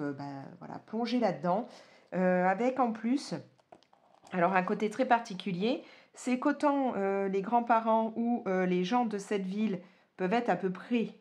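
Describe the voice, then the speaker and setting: A woman's voice: medium pitch, darkish tone. A young woman talking casually about a book she read, with many fillers and restarts. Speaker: vlogger. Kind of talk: casual book review chat.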